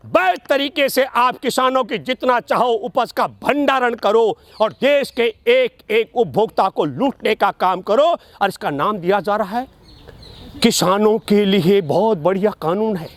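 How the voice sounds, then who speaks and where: A man's voice: extremely high pitch, measured pace. A man delivering emphatic, argumentative political commentary in an oratorical way, building his case point by point and repeating phrases for stress. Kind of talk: political commentary speech addressed to an interviewer.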